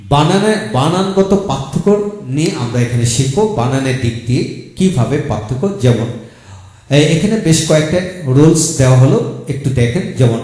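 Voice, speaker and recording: A man teaching an English lesson in a video lecture, explaining step by step and repeating example words slowly. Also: on the high side, warm tone. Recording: very echoey room.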